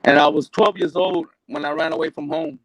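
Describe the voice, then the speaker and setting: Guest: New man, heavy vocal fry, dry close sound, rambling and profane. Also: high voice, sing-song, a little fast, no echo, low-quality recording. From New York. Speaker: interview guest. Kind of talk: candid life story.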